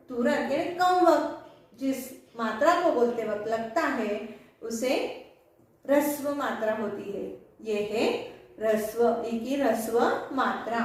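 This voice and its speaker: A high-pitched woman teaches a spelling lesson at a slow, patient pace, breaking words into single sounds. She sits back from the mic, and her voice rings around a very echoey room. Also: far from the mic. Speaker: school teacher. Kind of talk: online Hindi spelling lesson.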